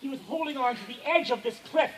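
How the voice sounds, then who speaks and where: A man with a very high voice telling a spooky tale around a campfire. He tells it dramatically, dropping to a hush and then rising loud. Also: fast, a little hiss or hum, rough recording. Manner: dramatic, swings from hushed to loud. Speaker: camp storyteller. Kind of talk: campfire storytelling.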